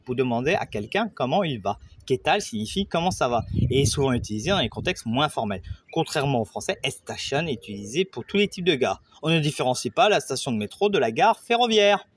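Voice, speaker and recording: Guy with a breathy kinda high voice explaining grammar, chill and jokey. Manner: informal and joking, with frequent "voilà" and "hein". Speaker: language teacher. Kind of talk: casual explanatory lesson.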